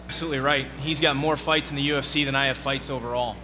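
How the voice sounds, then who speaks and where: A man of medium pitch answers assertively as a fighter at a press conference. He talks quickly, with clear room noise around him. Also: fairly even intonation. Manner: assertive, forceful wording.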